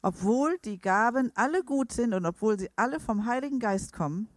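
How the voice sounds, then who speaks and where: A woman's voice: on the high side, animated, normal speed, no room sound, clean studio sound. Hesitant woman interpreting a sermon. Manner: hesitant, self-correcting.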